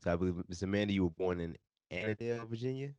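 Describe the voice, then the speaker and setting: Deep-voiced laid-back interviewer, dry sound. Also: male voice, racing, a little mellow, clean tone, no echo, dull audio. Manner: laid-back, calls people "man". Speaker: podcast host, interviewer. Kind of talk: casual interview. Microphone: video call.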